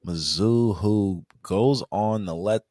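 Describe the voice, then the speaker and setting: A man's voice: fairly low pitch, slow pace, a little mellow, no echo, clean studio sound. A young man hosting a sports podcast, laid-back and casual, reeling off game stats with the odd sigh. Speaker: podcast host.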